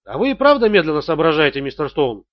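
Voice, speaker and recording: In this audiobook thriller character voice, a man portrays a sneering, coolly menacing male extortionist who mocks calmly and suddenly screams. His fairly high voice swings widely in pitch at a quick pace, captured in dry, dull audio.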